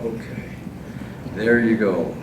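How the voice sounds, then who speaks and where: A man with a lowish voice hosts a live stage hypnosis show. He coaxes volunteers through suggestive instructions, step by step. The sound is distant and echoey, with clear background noise. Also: takes it slowly. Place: large echoey indoor venue with audience. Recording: echoey hall from far off, noisy background.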